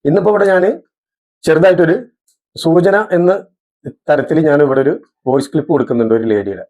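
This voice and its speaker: A man's voice: a little high, a little fast, darkish tone. A man with a Malabar Malayalam accent, vlogging in an indignant, accusing monologue. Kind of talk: casual vlog monologue. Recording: dull lo-fi audio.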